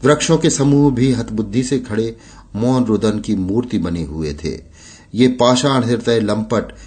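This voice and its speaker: A man's voice: on the low side, a little mellow. Man narrating a classic story. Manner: measured, literary storytelling. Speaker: audiobook narrator.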